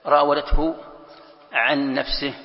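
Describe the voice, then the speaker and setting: A man's voice: a little high, flat delivery, unhurried, in a large hall, lo-fi sound. A man teaching a Quran commentary lesson, explaining step by step and repeating key phrases.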